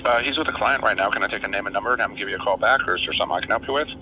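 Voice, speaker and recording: A man working as a car sales clerk, heard over a phone speaker, brisk and polite. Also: fairly low pitch, pushed and bright, dull audio. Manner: brisk, polite customer service. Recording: distant noisy phone speaker.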